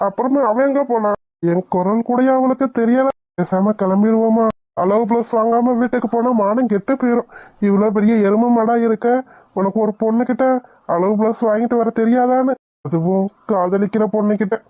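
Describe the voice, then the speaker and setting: A woman's voice: fairly high pitch, steady tone, moderate pace, warm tone, no room sound, lightly acted. A woman voicing a nervous, bashful, hulking young male doctor who mutters to himself in a cartoon. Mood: fretful. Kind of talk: cartoon voice acting.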